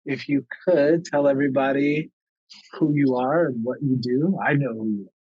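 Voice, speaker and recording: A man chats with his guest over a video call, loose and easygoing, pausing on fillers as he thinks. His voice sits at a middle pitch. The call audio is dry and a little dull. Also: fairly even intonation, breathy edge, dry recording. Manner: easygoing, hesitant with many fillers. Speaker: interviewer. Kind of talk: casual video call chat.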